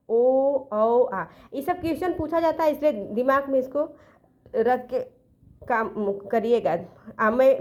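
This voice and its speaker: A woman with a high, light voice teaches an exam-prep grammar class. She explains step by step, poses questions and answers them herself, and slows down to spell out letters one by one. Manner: self-corrects, counts letters aloud slowly.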